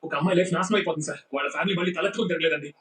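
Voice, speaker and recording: A man's voice: sits high, rapid-fire, slight background noise. An actor playing an earnest, humble young man who pleads respectfully with his elders in a film scene. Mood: pleading. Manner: pleading, respectful, keeps saying sir. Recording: film audio played off a TV, roomy and distant, loud score.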